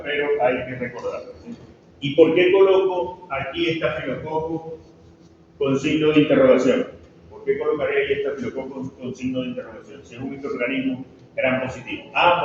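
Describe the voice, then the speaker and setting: A man's voice: mid-range voice, recorded from a distance, slight background noise. A male pharmacology lecturer with a Venezuelan Spanish accent, giving a classroom lecture and often checking in with the students. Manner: asks the class questions, frequent "¿sí?" checks. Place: large classroom. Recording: echoey, muffled classroom from afar.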